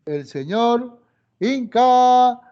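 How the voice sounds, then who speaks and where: A man's voice: very high voice, lively intonation, drawn-out words, darkish tone. A man with a Peruvian Spanish accent teaching a history class, quizzing students and repeating his questions. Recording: dull lo-fi sound.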